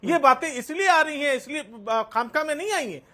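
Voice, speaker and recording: High-voiced man arguing insistently. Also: animated, a little fast, pushed and bright. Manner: insistent, repeats himself, hesitant fillers. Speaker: political panelist. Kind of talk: heated TV debate.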